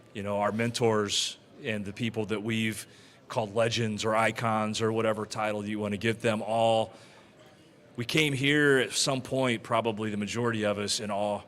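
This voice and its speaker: A man co-hosting a fire service podcast, speaking in a steady, reflective way. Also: on the low side. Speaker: podcast co-host. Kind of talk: casual podcast chat.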